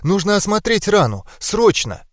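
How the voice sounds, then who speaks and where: A woman's voice: mid-range voice, sing-song, moderate pace, no echo, studio quality, pitched above the performer's own voice. A man voicing an anxious young female werewolf healer who speaks urgently in an audiobook. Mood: alarmed. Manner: urgent, pressing.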